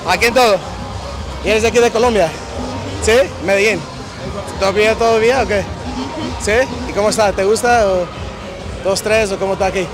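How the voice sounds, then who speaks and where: A man's voice: sits high, steady tone, moderate pace, long pauses, low-quality recording. A man from Michoacán with a Mexican Spanish accent, talking in an easygoing, casual way on a street at night. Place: busy street outdoors at night. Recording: loud music and crowd noise.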